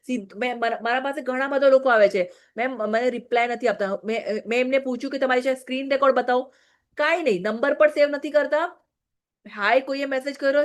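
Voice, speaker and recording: A married woman giving a direct, scolding training talk to her business team, often checking "okay?". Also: high voice. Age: adult, married.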